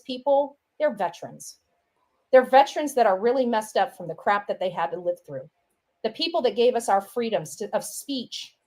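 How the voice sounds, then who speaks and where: This woman's voice sits a little high with a darkish tone, lively intonation and a moderate pace. She delivers a casual, opinionated monologue, rambling and repeating herself while leaning on fillers like "you know" and "right."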